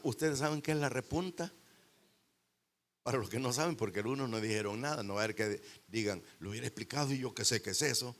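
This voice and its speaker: A male pastor preaching a sermon into a handheld microphone in a church, rising to loud bursts and dropping into quiet pauses. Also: medium pitch. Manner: preaching with sudden loud swells and dramatic pauses.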